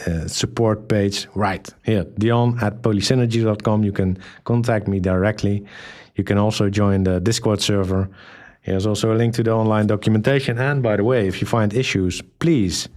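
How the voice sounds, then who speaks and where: A man presenting a software tutorial in a relaxed, hesitant way, with many ums and restarts, reading aloud what he types. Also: lowish voice, normal speed. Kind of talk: screen-recorded software tutorial.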